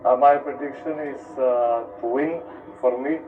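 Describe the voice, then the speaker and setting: Halting man from Bulgaria, tinny audio. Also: medium pitch, steady tone, a little hiss or hum. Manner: halting, frequent hesitations. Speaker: fighter. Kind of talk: short interview. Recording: tinny distant phone-like audio.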